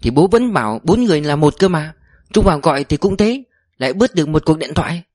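Male reader playing playful teenage daughter; chirpy, teasing, clearly higher voice. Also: lively intonation, fast, darkish tone, no echo, studio quality.

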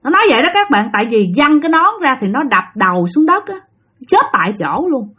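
Southern Vietnamese woman, ghost-story teller, lively and high-pitched, chatty. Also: fairly quick, breathy edge. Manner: chatty, addresses listeners directly. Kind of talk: spoken ghost story narration.

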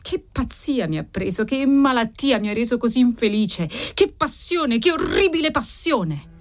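Give me a woman doing a desperate husband who begs and accuses himself, his voice trembling and very lively in pitch, as in a read-aloud audiobook. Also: normal speed. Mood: anguished. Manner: pleading, breaking, self-reproaching. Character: anxious ruined husband, a man, pleading. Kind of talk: audiobook character reading.

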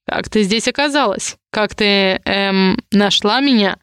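A woman's voice: medium pitch, a little slow, fairly bright tone, clean tone, no room sound, studio quality, lightly acted. A woman reading the lines of a stern, haughty male duke in a cold, commanding manner, in a story. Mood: surprised.

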